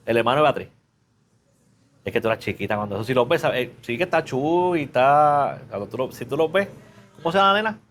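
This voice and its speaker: Male preacher, mid-pitched, conversational class teacher, faint noise under the voice. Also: expressive, fast talker, a bit bright. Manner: casual, chatty, asks the class questions; mixes English fillers into Spanish.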